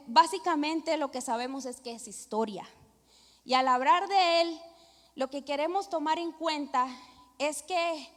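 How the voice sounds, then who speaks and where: This middle-aged pastor, Venezuelan-accented, preaches and prays with emphatic, repeated devotional phrases. Her voice sits high and sounds a bit bright, echoing with the long reverb of a church hall.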